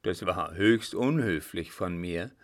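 A man playing a gruff old field marshal. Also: low voice, takes it slowly. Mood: gruff, bantering. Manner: loud, brusque, bantering.

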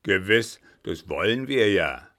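A man's voice: fairly low pitch, lively intonation, unhurried, a bit bright. A man playing a heartless, blunt brother. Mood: cold. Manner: blunt, pitiless. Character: callous brother, cold, heartless.

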